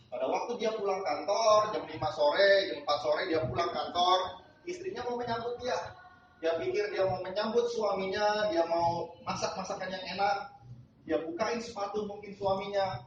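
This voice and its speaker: A man preaching a sermon as a pastor, telling a story with animated acted-out voices. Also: high voice, moderate pace. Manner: animated storytelling, acting out characters in raised voices. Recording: distant, echoey hall, muffled, noisy.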